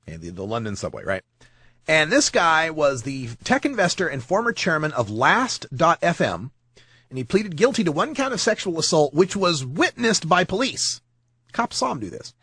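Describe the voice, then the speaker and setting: A man's voice: fairly high pitch, sing-song, normal speed, pushed and bright, breathy edge, no echo. A man hosting a podcast, rambling and joking through news stories with frequent laughs. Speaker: podcast host. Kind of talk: casual news commentary.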